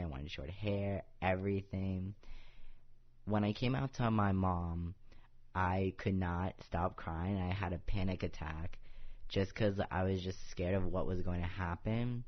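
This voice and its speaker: Low-voiced young man, earnest, says "like" constantly. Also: dull audio. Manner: earnest, fills nearly every phrase with "like". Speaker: podcast guest. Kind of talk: casual personal storytelling. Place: office podcast set.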